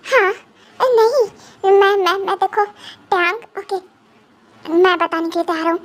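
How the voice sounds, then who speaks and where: A woman's voice: very high-pitched, measured pace. A woman voicing a terrified male captive in a fan dub drama, stammering, crying and begging for mercy. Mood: terrified pleading.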